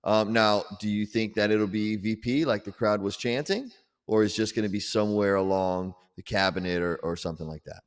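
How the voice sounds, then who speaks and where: A man co-hosting a casual political chat show, talking in an animated, rambling way and often repeating words. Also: fairly low pitch, brisk, smooth, in a large hall. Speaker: podcast co-host.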